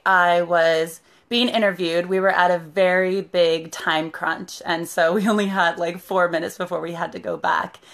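Hoarse and raspy from shouting, this thirty-something therapist has a lowish, slightly bright voice. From her living room sofa, phone camera at arm's length, she chats easily with her live-stream audience and drops viewers' names mid-sentence to greet them.

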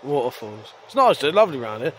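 A man's voice: mid-range voice, sing-song, quick pace, a little hiss or hum. A man in his thirties vlogging casually outdoors by a river, filming on a phone at arm's length, joking and teasing himself. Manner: jokey, self-mocking, chatty. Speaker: YouTube vlogger. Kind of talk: casual travel vlog. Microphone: phone held at arm's length.

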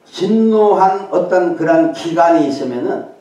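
A man's voice: fairly high pitch, animated, measured pace, mellow, muffled recording. Older man preaching in an echoey church. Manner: conversational, with frequent affirming interjections. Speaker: guest preacher. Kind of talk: sermon. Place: church sanctuary. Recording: very echoey hall, voice from far off.

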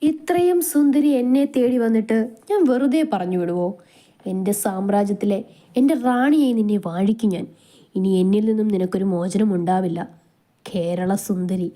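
A woman voicing a cruel male gang boss who gives orders and gloats in a slow, commanding tone. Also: mid-range voice, dark tone, lightly acted. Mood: gloating.

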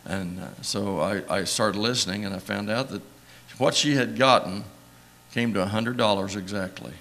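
An older church elder preaches in a homespun, storytelling way. His voice sits low and has a gravelly edge. He wanders between anecdotes, gets emotional, and laughs softly as he goes. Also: moderate pace. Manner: rambling, emotional, chuckles often. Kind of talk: folksy sermon storytelling. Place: church sanctuary.

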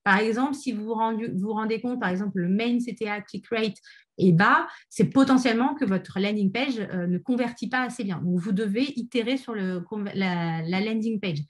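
A woman's voice: medium pitch, moderate pace. Hesitant woman giving a webinar talk. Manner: hesitant, many fillers and restarts. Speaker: webinar speaker on ad testing. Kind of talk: online training presentation.

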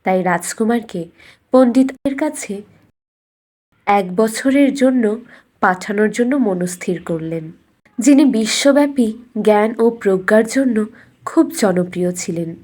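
A storyteller, a woman with a medium-pitched voice, narrates a scripted bedtime fairy tale in a measured, expressive manner.

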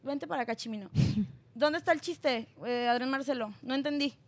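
Mexican woman gossip host, high voice, sarcastic, slangy, phone mic. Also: normal speed. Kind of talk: celebrity gossip commentary.

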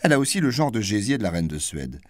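A man's voice: on the low side, sing-song, no echo, clean studio sound, voice pushed up. A man reading an audiobook, voicing a witty, mocking aristocratic duchess in a raised, theatrical voice. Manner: mocking, theatrical, rapid-fire wit. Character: witty, cutting aristocratic duchess, middle-aged woman.

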